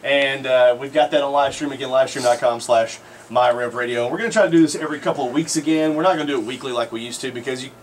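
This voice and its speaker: A man hosting a live radio show, giving energetic play-by-play commentary in a crowded studio. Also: medium pitch, fast, slight background noise. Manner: energetic, excitable narration.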